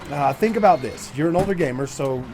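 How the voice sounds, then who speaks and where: Lively and a little fast, this fairly high, darkish male voice belongs to a gaming channel host in his forties. He rambles casually with many fillers during a racing game, with engine sounds and slight background noise behind.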